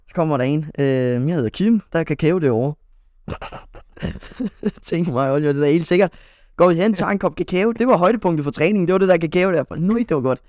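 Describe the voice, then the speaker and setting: A man's voice: on the high side, darkish tone, no room sound, studio quality. A young man co-hosting a podcast, telling a rambling story in casual chat, full of fillers and restarts. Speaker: podcast co-host.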